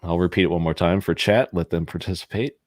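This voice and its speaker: Upbeat male host, low voice, dry close sound. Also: fast talker, no room sound. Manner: upbeat quiz-master, laughs often. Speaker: host running trivia. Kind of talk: casual live-stream chat.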